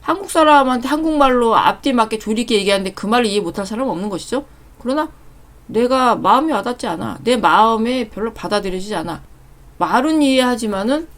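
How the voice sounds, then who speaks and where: A woman giving a calm, measured spiritual talk, explaining step by step and posing rhetorical questions to her listeners. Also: fairly high pitch. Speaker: channel host reading her own spiritual essays.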